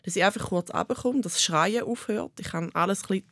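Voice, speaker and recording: A young woman with a Swiss German accent, speaking candidly as an interview guest with halting restarts. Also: medium pitch, fairly bright tone, dry recording, studio quality. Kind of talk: personal interview talk.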